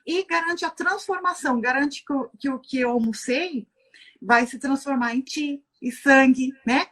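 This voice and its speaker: In a livestreamed explanatory talk, a guest lecturer on Chinese medicine, a Brazilian woman, speaks at normal speed in a high, fairly bright voice with a Brazilian Portuguese accent. She teaches by asking herself questions and answering them, often adding "né?" to her sentences.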